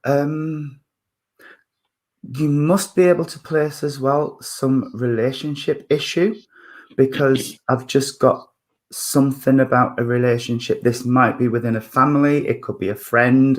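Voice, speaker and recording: This is a man in his fifties whose husky, medium-pitched voice carries a spiritualist mediumship reading. He thinks aloud in a halting way, full of fillers and restarts.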